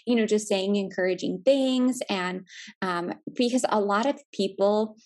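A woman's voice: mid-range voice, measured pace, darkish tone. Upbeat woman fitness coach. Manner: upbeat, encouraging, many fillers like "you know" and "like". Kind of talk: casual chat.

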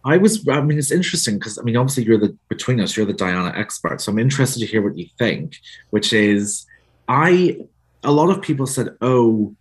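A male author from Northern Ireland, speaking with that accent, is a guest in a conversational interview. His medium-pitched voice is very animated and a little fast, though he sounds thoughtful and hesitant, restarting often.

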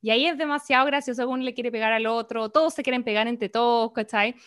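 Chilean woman, high voice, super animated, retelling a movie. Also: quick pace, very noisy. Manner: animated, acts out dialogue, laughs. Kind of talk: casual chat retelling a film.

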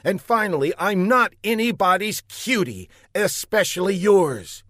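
A man's voice: on the high side, very animated, unhurried, no room sound, studio quality, pitched above the performer's own voice. A man voicing a bossy, sarcastic female secret agent with a raised voice and a curt, scornful manner.

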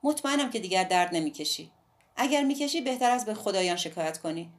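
A woman voicing a playful, bold young woman in an audiobook, her delivery bright and teasing. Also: mid-range voice, animated, close to an everyday voice. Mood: tender, teasing. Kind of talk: audiobook dialogue reading.

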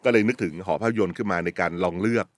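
A man from Thailand answering interview questions, thinking aloud quickly with repeated words and casual slang. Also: on the low side, no echo, clean studio sound. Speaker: streaming company content director, guest.

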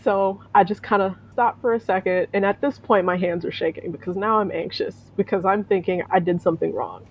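Woman, casual storyteller, husky voice, muffled lo-fi sound, animated. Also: mid-range voice, brisk. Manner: animated, acts out quoted voices, laughs often. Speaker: storyteller, veterinary technician.

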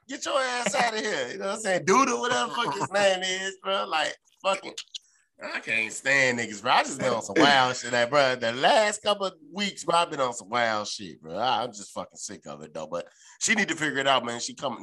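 A man's voice: medium pitch, bright, forceful tone. A man hosting a podcast, talking casually and bluntly in heavy slang with lots of swearing. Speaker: podcast host. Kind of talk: casual, profane podcast rant.

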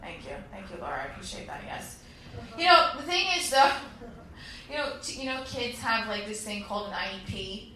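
A woman in her thirties performing an animated stand-up comedy set on a club stage, acting out characters as she goes. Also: mid-range voice, a little fast, recorded from a distance. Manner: animated, acts out characters in quotes. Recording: very echoey room, faint crowd noise.

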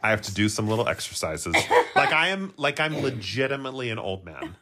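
A woman's voice: very deep voice, sing-song, fairly quick, bright, forceful tone, a little hiss or hum. A woman in her forties co-hosting a casual chat podcast, dry and self-mocking in her jokes. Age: 40s. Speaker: podcast co-host.

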